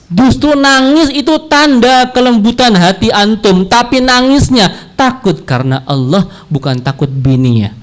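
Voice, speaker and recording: A man preaching a sermon in a playful, joking storytelling manner, swinging his pitch widely and trading call-and-response with his audience.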